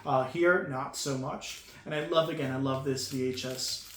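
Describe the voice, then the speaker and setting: Here a male toy reviewer with a medium, slightly bright voice keeps a steady tone and moderate pace. His unboxing commentary is relaxed and eager, loaded with fillers as he raves about each piece, recorded in an echoing room with a faint hum behind him.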